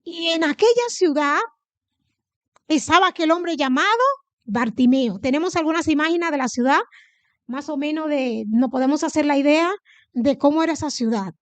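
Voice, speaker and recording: A woman from the Dominican Republic, speaking with a Dominican Spanish accent in a high voice, preaches a sermon to her church at normal speed. She repeatedly poses questions to the congregation and answers them herself. The sound is dry and close, with little room echo.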